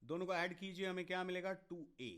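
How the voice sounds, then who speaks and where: A man's voice: sits high, a bit bright, clean tone. A man teaching a maths lecture to exam students, switching between Hindi and English with an Indian accent, working through steps and answering comments from students. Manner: explains step by step, mixing Hindi and English; talks to students directly, quick asides to chat. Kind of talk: online exam-prep lecture.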